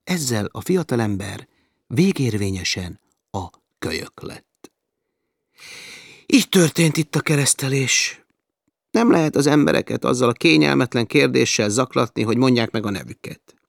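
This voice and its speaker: A man reading a humorous adventure novel aloud with lively, varied emphasis. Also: mid-range voice, creaky, no echo, clean studio sound. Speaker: audiobook narrator.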